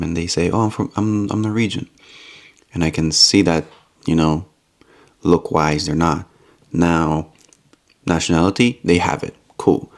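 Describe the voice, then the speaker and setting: Deep, gravelly man vlogging. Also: a little mellow. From Romania. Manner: earnest, rambling, repeats himself. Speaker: YouTube vlogger. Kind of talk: casual vlog monologue.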